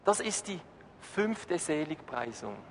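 A man's voice: on the high side, very animated, takes it slowly. A man preaching a sermon, emphatic, putting questions to the congregation. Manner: emphatic, rising and falling. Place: church hall. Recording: reverberant hall, faint noise.

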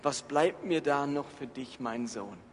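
A man's voice: medium pitch, lively intonation, measured pace, a little hiss or hum, natural voice. A man voicing a shaken old father, reading his startled, dismayed lines in an echoey hall. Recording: echoey hall, faint ambience.

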